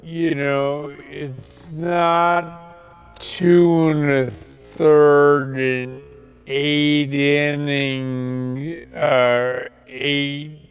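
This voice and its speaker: A middle-aged man hosting a post-game sports analysis show from a TV studio desk on a lapel mic, heard in slowed-down playback. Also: fairly high pitch, little pitch movement, clear, resonant tone, faint music behind. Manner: steers the show, hands questions to the analysts. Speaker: studio host.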